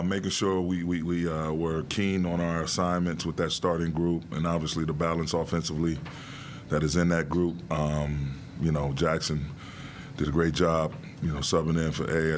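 A middle-aged man coaching basketball, answering press questions in a measured, deliberate way with many fillers, into a desk mic in a press room. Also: rumbling low, slight background noise. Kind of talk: postgame press conference answers. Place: press room before a logo backdrop. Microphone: desk mic on a stand.

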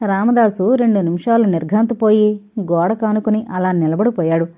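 A woman narrating an audio novel in a steady, measured reading. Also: mid-range voice, dull audio.

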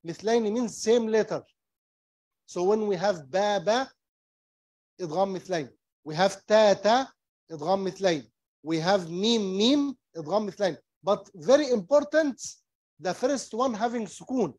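A man teaching Quran recitation rules, explaining slowly and patiently in English and demonstrating the recitation, repeating each term. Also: sits high, animated, a little mellow, no echo. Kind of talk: slow tajweed lesson, mixing English and Arabic. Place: small mosque classroom.

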